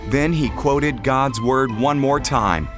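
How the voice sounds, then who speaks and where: A man narrating a Bible story in a measured, expressive storytelling voice. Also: medium pitch. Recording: narration over clear music.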